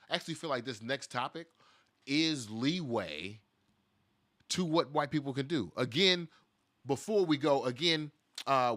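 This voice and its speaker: A man's voice: medium pitch, pushed and bright. A man hosting a casual live-stream talk show, loose and joking. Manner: loose, laid-back, joking. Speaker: show host.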